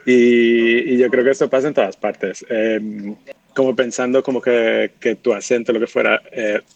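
A man with a medium, quite flat voice who muses aloud in a recorded clip. He rambles through his points in an even tone and keeps circling back to them. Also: medium pitch, moderate pace, gravelly, muffled recording.

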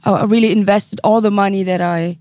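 A woman's voice: mid-range voice, fairly even intonation, fairly quick, a little mellow, no room sound, clean studio sound. A woman, a singer talking casually as an interview guest, with many fillers and restarts. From Switzerland. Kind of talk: casual chat.

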